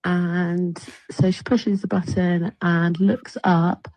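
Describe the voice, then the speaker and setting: A woman's voice: on the low side, flat delivery, takes it slowly, darkish tone, dry recording, rough recording. A woman telling a story in an informal, chatty way peppered with "like". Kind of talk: casual storytelling.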